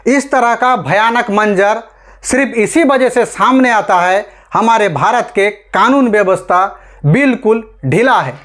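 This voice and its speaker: With lively intonation and an unhurried, somewhat bright delivery, a high-voiced man from India presents scripted news commentary online. He's emphatic, uses plenty of rhetorical questions, and speaks to his audience as friends.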